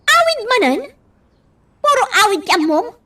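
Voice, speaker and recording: A woman's voice: sing-song, moderate pace, bright, forceful tone, far from the mic, heavily acted. A woman voicing a bossy, scolding lady of a mansion in a comic radio drama. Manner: scolding, shrill.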